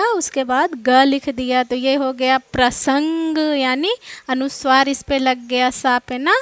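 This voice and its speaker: A woman with a high voice teaching a children's grammar lesson. She speaks slowly and patiently, repeating each example word. The sound is dry and close. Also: fairly bright tone, no echo. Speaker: Hindi teacher.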